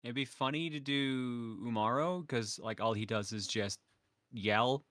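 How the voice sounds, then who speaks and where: Bright-voiced man with blunt jokes. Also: medium pitch, a little slow, no echo, studio quality. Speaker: podcast co-host. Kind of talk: casual podcast chat.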